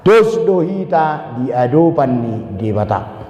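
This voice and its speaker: A man with a Batak accent preaching a sermon as pastor, animated and asking the congregation questions. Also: on the high side, slow pace, a little hiss or hum. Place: church. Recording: echoey church hall, dull lo-fi sound.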